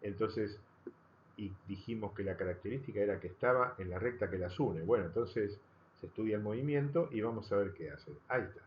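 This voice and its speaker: Deep-voiced man teaching a physics lecture. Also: brisk, lo-fi sound, a little hiss or hum. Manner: explanatory, rephrasing often, checking understanding with tag questions. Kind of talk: recorded lecture over slides.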